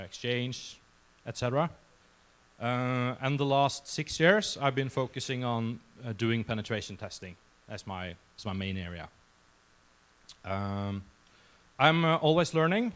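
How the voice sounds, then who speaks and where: Speaking in a smooth, mid-range voice with a fairly bright tone, a Norwegian man of about forty with a Norwegian accent gives a casual conference presentation. He addresses a crowd in a session room in a relaxed, conversational, self-deprecating way.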